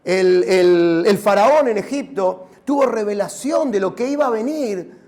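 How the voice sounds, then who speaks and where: A man with a Rioplatense Spanish accent preaching a sermon as pastor, animated and rising to shouts. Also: high voice, measured pace.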